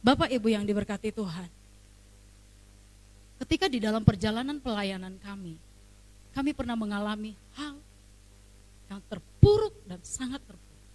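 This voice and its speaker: A woman's voice: mid-range voice, animated, moderate pace, long pauses, darkish tone, low-quality recording. A middle-aged woman preaching a testimony in a conversational, emphatic way, often repeating little tag phrases. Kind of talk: sermon testimony.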